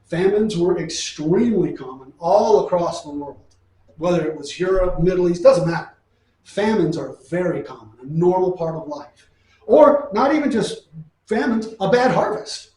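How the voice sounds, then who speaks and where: A man's voice: high-pitched, lively intonation, normal speed, a little mellow. A middle-aged man from New Mexico teaching a Bible lesson in a folksy, storytelling way, asking and answering his own questions. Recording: echoey room, far from mic.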